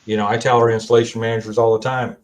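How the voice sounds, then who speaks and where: A man with a Kentucky accent, a guest on a video-call panel, speaking in a measured, storytelling way. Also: mid-range voice, flat delivery. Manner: measured, storytelling, quotes advice he gives. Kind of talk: casual panel discussion.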